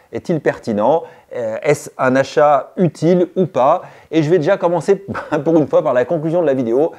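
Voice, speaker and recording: A man's voice: a little high, warm tone. A man hosting a cycling channel, giving a chatty gear review and explaining step by step to his viewers.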